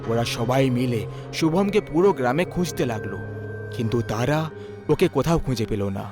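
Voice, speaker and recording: A man calmly narrating a horror story in a measured storytelling voice. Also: medium pitch, over music.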